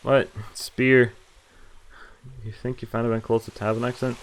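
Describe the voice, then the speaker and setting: With a medium-pitched, level voice and a measured pace, a man narrates a visual novel during a stream, mixing the read-aloud text with his own offhand commentary. Game music plays, and the recording quality is low.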